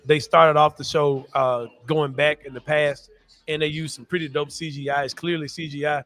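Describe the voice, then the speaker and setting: A man's voice: fairly high pitch, level tone, normal speed, fairly bright tone, faint music behind. A man hosting a casual podcast, talking in loose slang, laughing often and leaning on "bro" for emphasis. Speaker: podcast host. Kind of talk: casual sports and pop culture chat.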